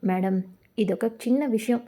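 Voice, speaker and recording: A woman's voice: medium pitch, normal speed, warm tone, lightly acted. Woman doing a cheeky hired man. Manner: cheeky, teasing.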